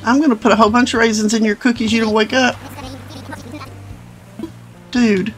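A woman's voice: fairly high pitch, fairly even intonation, moderate pace, faint music behind. An older woman hosting a gaming channel, chatting casually as she plays and talking to the characters. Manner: chatty, talks to game characters. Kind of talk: casual gameplay commentary.

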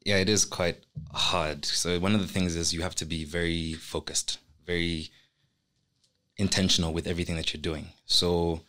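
Low-voiced young man, bright and earnest. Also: level tone, moderate pace. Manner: earnest, reflective, talks with his hands. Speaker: guest, artist. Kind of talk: casual podcast conversation. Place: small indoor podcast studio. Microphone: studio microphone on a stand.

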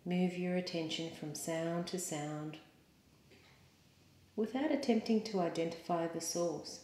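A female yoga teacher with a voice on the low side leads a guided meditation. She is calm, soothing and measured, leaving pauses, and the recording sounds roomy and echoing.

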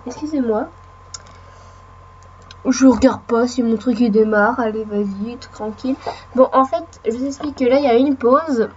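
Une femme à la voix assez haute, enrouée et reniflante, commente une partie de jeu sur un ton bavard et décousu, parlant aussi bien au jeu qu'à ses spectateurs. Le son est terne, de qualité médiocre, avec un léger souffle en fond. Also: female voice, on the high side, muffled recording, a little hiss or hum. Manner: chatty, rambling, talks to the game and viewers. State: hoarse from a cold, sniffling. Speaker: let's play gamer. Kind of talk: casual gameplay commentary.

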